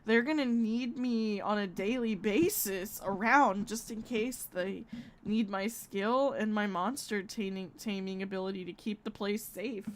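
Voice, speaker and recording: A woman's voice: mid-range voice, unhurried. A woman streaming a game and chatting casually as she plays. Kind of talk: casual gameplay chat.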